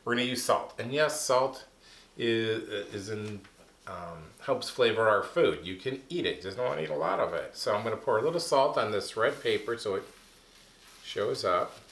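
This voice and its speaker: Man, elementary science teacher, kids' lesson, casual and animated, slightly high voice, echoey room. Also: normal speed. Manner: casual, lively, talks to kids.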